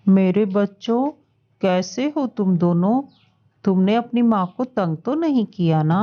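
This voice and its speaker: A woman voicing a gentle, trusting father pigeon in a children's cartoon story, speaking affectionately. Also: medium pitch, lively intonation, measured pace, voice pushed down, lightly acted. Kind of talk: animated children's story voice acting. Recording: dull lo-fi audio.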